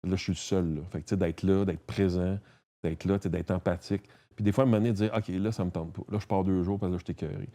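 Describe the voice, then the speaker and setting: A man's voice: low voice, steady tone, fast talker, warm tone. A man from Quebec with a Québécois French accent, a guest chatting casually and rambling, with many restarts and a lot of "tu sais". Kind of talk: casual conversation.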